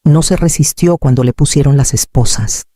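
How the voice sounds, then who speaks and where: A man narrating a dramatic story in a slow, solemn, expressive way. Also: mid-range voice, no room sound, studio quality.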